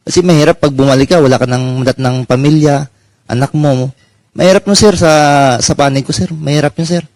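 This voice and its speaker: Man guest, personal story, halting, sir after every phrase, dry close sound. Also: fairly high pitch, a little mellow, no echo, poor audio. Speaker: former marine guest. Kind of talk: personal account in an interview.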